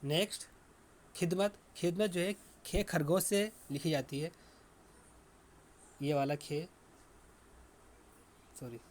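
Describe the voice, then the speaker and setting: A man teaching a children's language lesson, dictating words slowly and repeating them as he writes them out. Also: fairly high pitch. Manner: slow, repetitive dictation.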